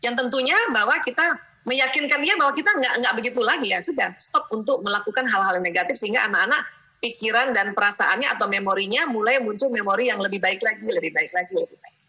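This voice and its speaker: A middle-aged woman giving a lively parenting seminar talk, acting out little parent and child exchanges. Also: on the high side, quick pace, slightly rough. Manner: animated, acts out parent and child lines.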